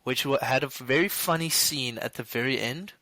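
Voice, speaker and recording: A man's voice: mid-range voice, bright, forceful tone, no room sound. A man co-hosting a movie podcast, chatting casually and rambling with frequent restarts. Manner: rambling, restarts, quick laughs. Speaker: podcast co-host. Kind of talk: casual chat.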